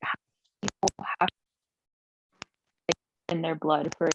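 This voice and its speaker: Woman with a low voice, casual talker, mic drops in and out on a dull lo-fi call line. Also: fairly even intonation, noisy background. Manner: halting, filler-heavy speech. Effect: choppy call audio, mic cutting in and out. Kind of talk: casual discussion.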